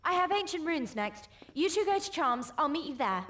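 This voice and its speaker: Hermione, very high bossy schoolgirl witch. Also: sing-song, moderate pace, fairly bright tone. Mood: businesslike. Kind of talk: video game cutscene acting. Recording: echoey with noise behind.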